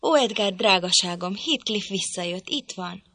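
A woman's voice: medium pitch, pushed and bright, no echo. A woman reading an audiobook, voicing an impassioned young lady of the manor who is breathless with joy and eager to win her husband over. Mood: overjoyed.

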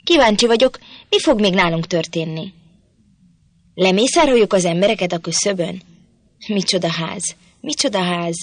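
A woman voicing a stout, bustling older housekeeper in a storybook, loud and scolding. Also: medium pitch, lively intonation, long pauses, no echo.

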